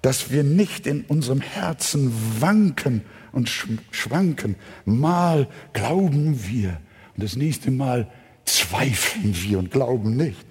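A male pastor preaching a sermon in a church, with emphatic delivery that swells into loud, passionate stretches, and direct questions to the congregation. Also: medium pitch, lively intonation, slow, breathy edge. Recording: long church hall reverb.

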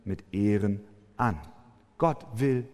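A man preaching a sermon, emphatic, with forceful rising peaks. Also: fairly low pitch, slow. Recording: long hall reverb.

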